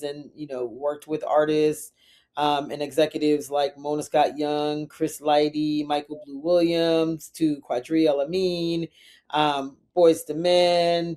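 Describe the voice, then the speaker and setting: A middle-aged woman from Liberia, raised in New York City, answers interview questions as a podcast guest and community executive. She speaks conversationally and emphatically, often checking in with "right?". Her voice is low and a little mellow.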